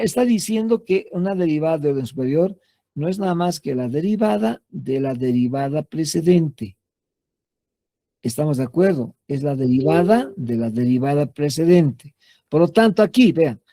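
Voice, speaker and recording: A man's voice: high-pitched, warm tone, dry recording, clean studio sound. A man teaching a math lesson, explaining step by step with patient repetition and checking understanding after almost every phrase. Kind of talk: classroom lecture.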